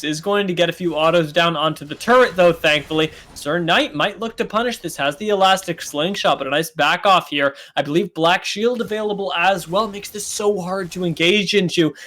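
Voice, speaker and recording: A man with a high, bright, forceful voice calls a live esports match play-by-play. He talks fast through the action and gets much louder when the fights break out. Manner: rapid play-by-play that climbs to shouting at big plays.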